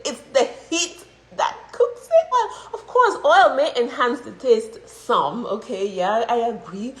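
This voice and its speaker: Chatty Cameroonian-born woman in an echoey room. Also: high voice. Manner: chatty, laughs often, lively emphasis. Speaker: health vlogger. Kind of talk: casual show-and-tell vlog.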